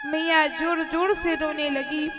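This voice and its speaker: A woman's voice: high-pitched, little pitch movement, slow pace, loud music behind the voice. A woman storyteller giving a devotional story sermon in an emotive, dramatic way.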